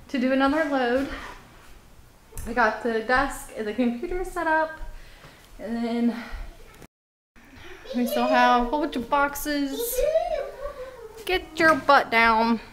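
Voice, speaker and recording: A young mother filming a casual family vlog on a handheld camera, speaking slowly in a slightly high voice. She chats easily to the camera, her kids and her pet. The recording carries clear background noise from a car and the room. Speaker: family vlogger.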